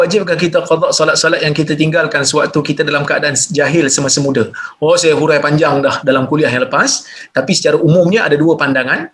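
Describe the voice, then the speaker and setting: A man with a Malaysian Malay accent reading out listeners' questions and answering them in a religious Q&A lecture, explaining plainly and jumping up in pitch to stress points. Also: fairly bright tone. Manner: reads questions aloud then explains plainly.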